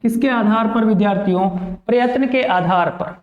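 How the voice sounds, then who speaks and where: A man's voice: sits high, normal speed, echoey room, highs cut off. A male teacher giving a grammar lesson, reciting letters one by one and repeating his questions to the class before answering them himself.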